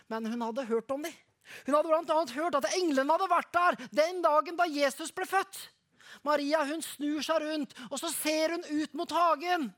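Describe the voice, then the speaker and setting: A woman preaching, retelling a story slowly and dramatically, then leading a prayer, often falling to a soft hush. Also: high-pitched.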